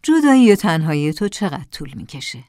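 A woman's voice: deep voice, big pitch swings, mellow, no echo, clean studio sound, pitched below the performer's own voice. A woman voicing an attentive, charming divorced man on a trip, asking playful, curious questions. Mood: earnest.

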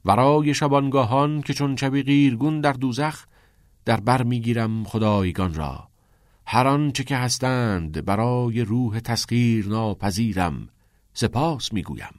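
A man's voice: medium pitch, animated, no room sound, studio quality, natural voice. A man voicing a mischievous teenage schoolboy who reads with mock seriousness. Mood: mock-serious. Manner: mock-serious, playful recital.

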